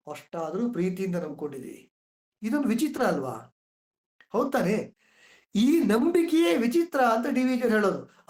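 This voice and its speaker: Woman explaining verse in an echoey room. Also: fairly high pitch. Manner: slow chanting of verses, conversational explanations. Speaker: poetry explainer.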